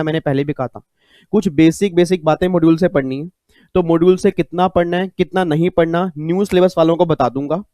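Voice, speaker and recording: A man's voice: a little high, darkish tone, dry recording. A man teaching an exam-prep lecture in a chatty way, repeating key points and mixing in English terms. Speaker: tax tutor.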